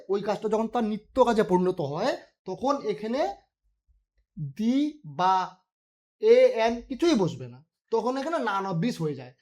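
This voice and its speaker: A woman's voice: fairly high pitch, dark tone. A woman teacher, giving an exam-prep grammar lesson in which she asks and answers her own questions and repeats key words. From West Bengal.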